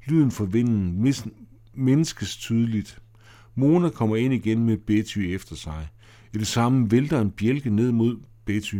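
A man reading the stage directions of an audio drama in a plain, steady way. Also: mid-range voice. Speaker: narrator. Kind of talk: scripted audio drama narration.

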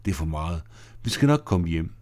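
A man voicing a stern man who takes charge and orders the others to calm down, in an audio drama. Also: low-pitched, pitched below the performer's own voice. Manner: stern, commanding.

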